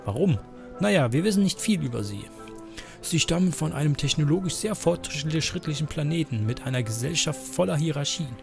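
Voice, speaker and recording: A man's voice: fairly high pitch, animated, a little fast, creaky, music in the background, voice pushed up. A man voicing a stern, protective old woman elder from a game, reading her lines in a lecturing, firm tone. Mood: warning.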